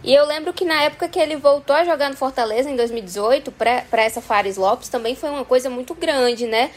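A woman's voice: high-pitched, fast talker. Chatty woman, sports co-host. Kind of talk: sports talk.

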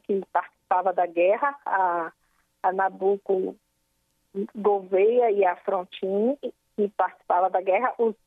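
A woman's voice: medium pitch, no room sound. Hesitant woman over the phone. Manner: hesitant, many filler sounds. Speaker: history professor interviewee. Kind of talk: interview explanation. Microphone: telephone. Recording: tinny dry phone line.

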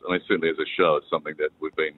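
A man's voice: a bass voice, level tone, racing. A man with a New Zealand accent chatting casually and hesitantly on a mobile phone while out catching a bus. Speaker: radio broadcaster on a phone call. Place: on the phone at a bus stop, then on a bus. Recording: narrow, tinny phone line.

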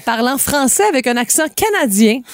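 A woman's voice: sits high, expressive, normal speed, no echo, clean studio sound. A woman with a Québécois accent, co-hosting a radio show with chatty, emphatic on-air banter. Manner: chatty, emphatic, many fillers.

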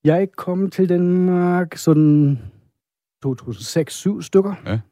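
A man from Germany with a German accent, speaking as an interview guest and visual artist, pausing often with fillers. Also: sits high, mellow, no room sound, clean studio sound. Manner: hesitant, many fillers. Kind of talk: casual interview chat.

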